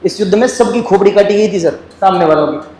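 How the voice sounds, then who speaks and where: A man teaching a class in a lively, joking way, firing questions at the students and answering them himself. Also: high voice, a little fast, roomy sound, low-quality recording.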